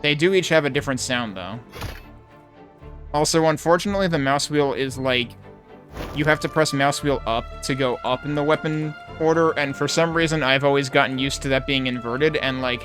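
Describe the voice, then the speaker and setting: With game music in the background, this video game commentator talks in a mid-range voice at a fairly quick pace. His casual play-by-play has a critical, analytical, think-aloud quality.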